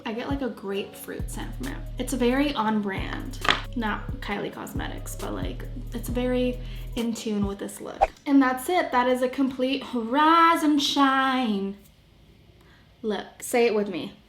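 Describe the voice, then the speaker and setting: Beauty vlogger, woman, chatty and playful, slightly high voice, roomy sound with faint music. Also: very animated, moderate pace. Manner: chatty and playful, trails off mid-sentence. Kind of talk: casual makeup tutorial chat.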